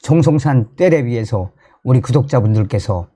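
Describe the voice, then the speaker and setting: A man from North Korea with a North Korean accent, delivering news commentary to viewers in an emphatic, excitable way and often repeating his phrases. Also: medium pitch, normal speed, slightly rough. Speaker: host of a commentary channel.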